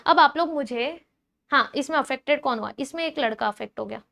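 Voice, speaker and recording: A woman biology teacher giving a chatty, animated lecture, teasing and quizzing her students directly. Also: high voice, fairly quick, gravelly.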